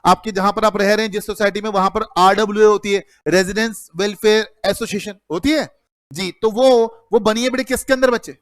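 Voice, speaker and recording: A middle-aged man lectures a classroom, his voice pitched high and recorded dry and close. He keeps the students engaged by asking the same question again and again. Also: fairly even intonation, a little fast, no room sound. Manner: calls students "beta", quizzes the class with repeated questions. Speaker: accounting teacher.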